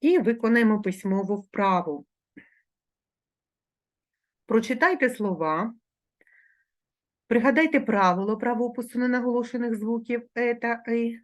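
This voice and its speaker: This is a female teacher with a Ukrainian accent leading an online grammar class for schoolchildren. She articulates each sound and example word slowly and carefully, and her voice sits on the high side.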